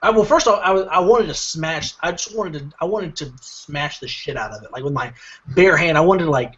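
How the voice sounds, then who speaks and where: Husky, rambling podcast storyteller guy. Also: a little high, a little fast, highs cut off. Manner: rambling, filler-heavy, animated retelling. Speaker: podcast co-host. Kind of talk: casual comedic storytelling.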